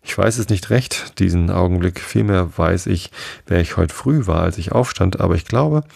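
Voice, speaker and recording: A man reading the part of Alice, a polite, flustered young girl, a little higher and hesitant, as a calm bedtime storybook reading. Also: normal speed, creaky, no room sound, studio quality, full character voice.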